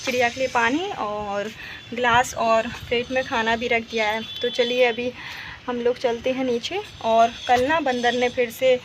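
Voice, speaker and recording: A woman's voice: on the high side, flat delivery, measured pace. A young woman vlogging casually about her home from the rooftop on a handheld phone, rambling and chatty with many fillers. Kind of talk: casual home vlog chat. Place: rooftop of a house, outdoors. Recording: noisy outdoor recording.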